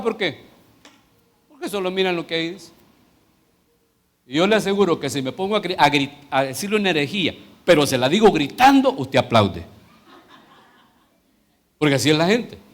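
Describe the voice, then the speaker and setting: A middle-aged pastor with a Salvadoran Spanish accent and a fairly high voice preaches from the pulpit. He teaches in an easy, conversational way, then leads the congregation in a fervent prayer. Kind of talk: sermon.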